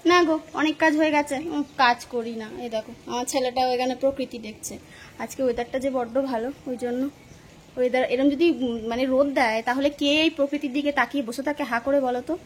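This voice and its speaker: A woman's voice: sits high, steady tone, brisk, slight background noise. A woman, chatting to her viewers while cooking at home and telling stories with frequent laughter. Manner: chatty, storytelling, laughing often. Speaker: vlogger. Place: home kitchen.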